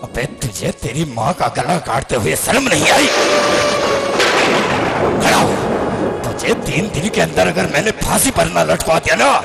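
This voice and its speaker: A man acting a loud, threatening police inspector in a stage melodrama, with very loud music behind him. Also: fairly high pitch, sing-song, normal speed, creaky, few pauses, heavily acted, low-quality recording. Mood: menacing. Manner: barking, threatening. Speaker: stage actor.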